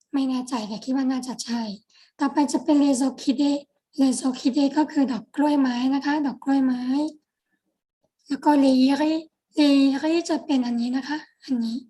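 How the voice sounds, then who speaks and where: A Thai woman teaching French vocabulary, speaking slowly and patiently and repeating each word. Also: high voice, warm tone. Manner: slow, patient, repeats words. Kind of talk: vocabulary lesson.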